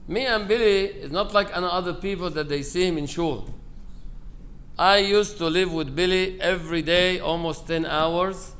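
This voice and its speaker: Telling personal anecdotes in an informal memorial speech, this rabbi from Aleppo, Syria has a higher, a bit bright man's voice. He acts out quoted dialogue in a conversational storytelling style with broken English grammar, and clear background noise runs under the live recording.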